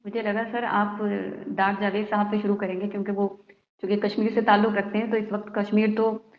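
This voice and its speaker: A woman guest on an online panel discussion, her voice coming through with a heavy echo over a video call, speaking in a polite, measured, formal way. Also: medium pitch, flat delivery. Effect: heavy echo on her audio. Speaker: interview guest. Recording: echoey, dull lo-fi call audio.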